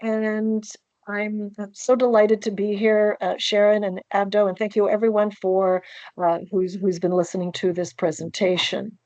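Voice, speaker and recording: A woman's voice: mid-range voice, little pitch movement, moderate pace, darkish tone, no echo. An older woman with a soothing transatlantic accent and an elegant old-Hollywood way of speaking, answering questions as a guest on a video call. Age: older, 60s or above. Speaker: guest author and presenter. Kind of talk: conversational question-and-answer on a webinar. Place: book-lined room at home, on a video call. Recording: dull, lo-fi video call audio.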